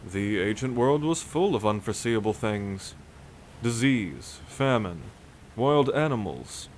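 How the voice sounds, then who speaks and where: A man with a lowish, sing-song voice speaks unhurriedly, playing a dry, learned, skeptical sailor who teases his shipmates in a cinematic nautical fantasy audio drama. A little hiss or hum is audible.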